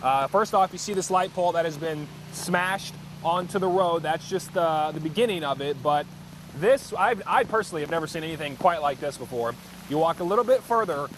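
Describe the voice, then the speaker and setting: A man's voice: high-pitched, fairly bright tone, low-quality recording. A male field reporter ad-libbing a live storm report outdoors, raising his voice emphatically over wind and rain. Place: outdoors on a city street in pouring rain.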